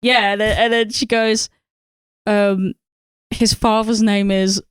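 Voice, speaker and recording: A woman's voice: medium pitch, little pitch movement, slow pace, clear, resonant tone, dry recording, studio quality. A woman, co-hosting a podcast and rambling about a film with lots of swearing, fillers and laughter. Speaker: podcast co-host. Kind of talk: casual film review chat.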